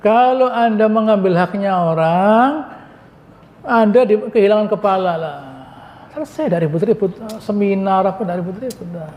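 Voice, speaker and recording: A man gives a Quran commentary lecture in a mosque, his voice pitched high. He keeps it conversational, posing questions and answering them himself, with joking asides. A long hall reverb trails behind every phrase. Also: moderate pace, a little mellow. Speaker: Islamic preacher.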